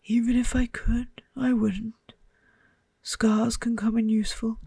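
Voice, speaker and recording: Lady doing a calm old wizard guy, whispered role-play, husky and mellow. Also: a little high, slow pace, dry recording, studio quality, voice pushed up, exaggerated voice. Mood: gentle. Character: old male wizard headmaster, calm and gentle.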